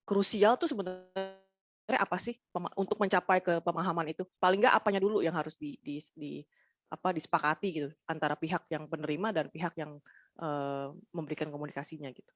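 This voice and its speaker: A woman's voice: sits low, fairly quick, no echo. A woman hosting a casual interview, affirming her guest and mixing English phrases into her questions. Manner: friendly, affirming, fillers, mixes English phrases. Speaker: podcast host.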